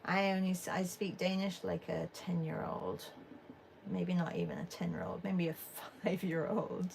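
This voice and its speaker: This art livestream host is a middle-aged Englishwoman with a lowish, creaky voice, speaking at normal speed against a little hiss or hum. She chats casually as she draws, reads chat aloud, and muses with filler words in a relaxed manner.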